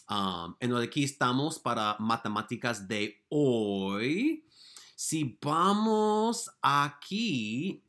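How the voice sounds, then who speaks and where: A man teaching young children, patient and bilingual, moving between Spanish and English. He speaks slowly with a lively, swinging pitch. He sounds like a classroom walkthrough given to kids at home. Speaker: elementary school teacher.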